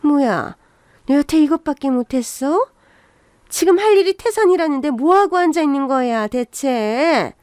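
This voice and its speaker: A woman's voice: sits high, unhurried, darkish tone, no room sound, clean studio sound, voice pushed up. A woman voicing a bossy, scornful older mother-in-law who nags and scolds, as part of a radio story reading. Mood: scolding. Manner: scornful, nagging.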